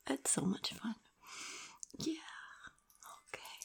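A woman whispering an intimate roleplay in a teasing, commanding way, with soft hums between her phrases.

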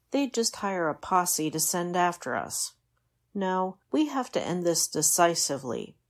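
A woman playing a shrewd, commanding female gunslinger who leads her gang, dry and decisive, in a comic Western audio drama. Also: fairly low pitch.

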